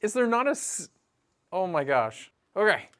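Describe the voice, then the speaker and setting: Animated co-host reacting to a movie. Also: mid-range voice, unhurried. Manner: animated, exclaiming and laughing. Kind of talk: casual chat.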